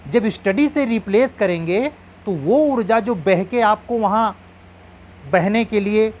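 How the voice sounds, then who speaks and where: A man's voice: high-pitched, a little hiss or hum. A man coaching exam candidates in an earnest, advising lecture, drawing on proverbs.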